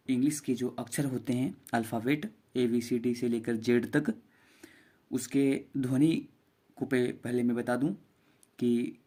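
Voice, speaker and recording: A male teacher walks young children through English letter sounds. He speaks slowly at a mid pitch and patiently repeats each sound. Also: mellow. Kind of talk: beginner English phonics lesson.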